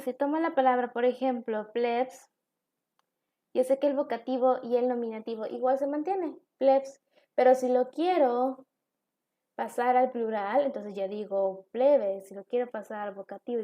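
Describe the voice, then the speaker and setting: A woman's voice: on the high side, dull audio. A woman teacher giving a recorded online class, explaining step by step with examples.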